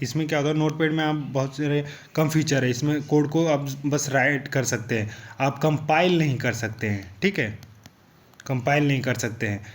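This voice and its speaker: A young man explaining programming basics in a casual tutorial, looping back often with "thik hai" and "guys". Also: mid-range voice. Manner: repetitive, loose, filler "thik hai" and "guys".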